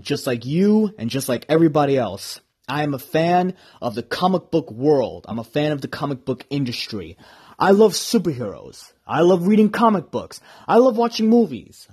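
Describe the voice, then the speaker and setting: Rambling, excitable young podcast host. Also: male voice, fairly high pitch, slightly rough. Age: 20s. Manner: enthusiastic, rambling, self-deprecating. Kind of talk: casual solo podcast talk.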